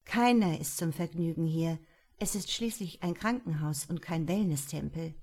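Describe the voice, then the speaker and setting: A woman's voice: low-pitched, moderate pace, a little mellow. A woman voicing a thoughtful, earnest female police detective in a crime audiobook, speaking firmly and reproachfully. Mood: dry.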